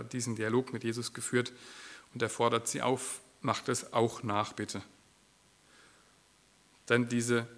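A man's voice: mid-range voice, fairly bright tone. A man preaching a sermon in church, acting out quoted lines with a shifting voice.

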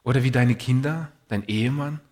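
A man's voice: medium pitch, fairly quick, a little mellow. A man preaching a sermon in an earnest, personal way, telling stories and reading Bible passages.

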